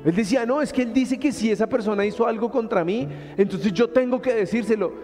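A man in his thirties with a Colombian Spanish accent, preaching a sermon in a lively, colloquial storytelling manner. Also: very high-pitched, fairly quick. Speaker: pastor. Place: church hall. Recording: hall reverb with soft instrumental music.

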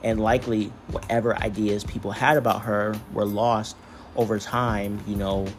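A man's voice: lowish voice, level tone, moderate pace, faint music behind. A man hosting a story podcast, moving between scripted narration and casual talk as the author.

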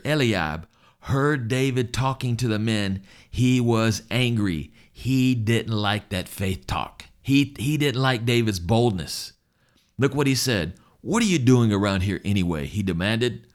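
A man preaching a sermon, reading scripture passages aloud and expounding on them with emphatic repetition. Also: medium pitch.

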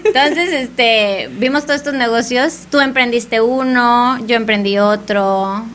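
A woman's voice: a little high, unhurried, a bit bright, slight background noise. A woman with a Mexican accent chatting casually as a co-host, steering the conversation. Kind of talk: casual chat.

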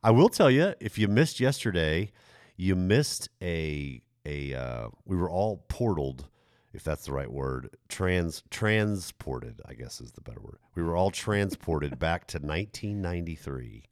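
Very deep-voiced man, teasing co-host. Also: big pitch swings, a little slow, darkish tone, no room sound, clean studio sound. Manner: teasing, wry. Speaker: podcast co-host. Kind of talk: casual podcast chat.

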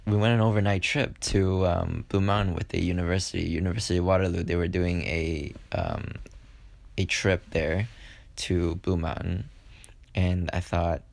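A man's voice: low voice, steady tone, moderate pace, creaky, no room sound. A young man casually telling a personal story on a podcast, rambling with lots of fillers and acting out what people said. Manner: rambling, with many fillers and acted-out quotes.

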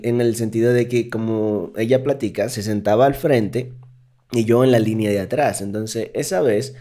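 Man, Dominican accent, podcast co-host, casual chat, mellow warm voice, animated. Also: medium pitch.

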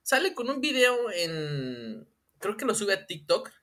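A podcast co-host with a Mexican Spanish accent joins a casual comedy chat, animated, swearing and laughing often. His voice is high-pitched and unhurried.

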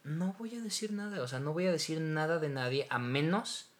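A man, a voice actor, talking in a measured, reflective way with frequent fillers in a casual chat. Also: a little high.

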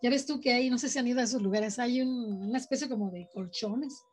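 A woman with a Mexican accent tells a personal story in a casual chat, her voice pitched fairly high with a breathy edge. She livens the tale by acting out the people she quotes. Soft music plays faintly underneath. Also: fast. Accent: Mexican Spanish. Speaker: podcast guest sharing paranormal experiences.

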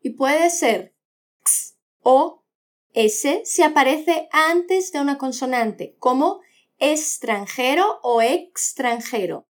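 A woman with a high voice teaches a podcast language lesson, and her pitch swings widely as she talks. She is patient and models words slowly for the listener to repeat. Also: animated. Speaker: Spanish teacher.

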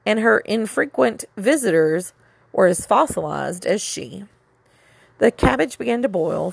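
A woman narrating a novel as an audiobook in a measured, steady storytelling delivery. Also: lowish voice, creaky, no room sound.

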